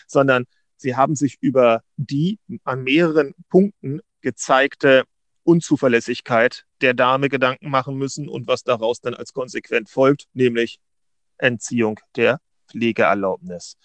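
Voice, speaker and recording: A middle-aged man from Berlin co-hosting a podcast, arguing a legal point in a deliberate, wry way with many restarts. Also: medium pitch, fairly bright tone, no room sound. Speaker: podcast co-host, legal adviser. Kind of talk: casual podcast discussion.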